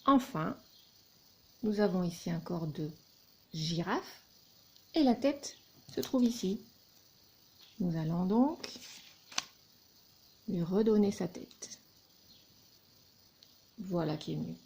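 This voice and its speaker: A woman teacher giving a recorded lesson to young children, speaking deliberately and spelling out letters and syllables one by one. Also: on the low side, animated, creaky, a little mellow, a little hiss or hum.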